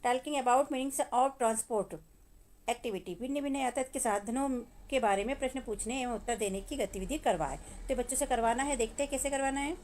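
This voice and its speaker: A woman teaching children from a workbook with a Hindi accent, reading English lines slowly and then explaining them, often calling out to the kids. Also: on the high side, darkish tone.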